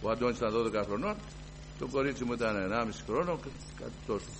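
A man giving a fervent personal testimony to a congregation, moving from hushed storytelling to loud declarations. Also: mid-range voice, animated, background noise. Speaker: church member giving testimony.

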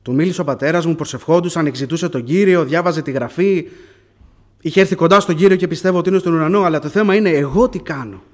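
A man preaching a sermon, telling testimony to the congregation and calling them brothers, rising into fervent prayer. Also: on the high side.

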